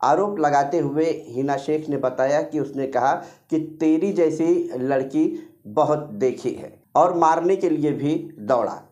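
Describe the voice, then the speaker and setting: A man narrating a local news report in a steady, measured tone, then questioning an interviewee. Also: a little high.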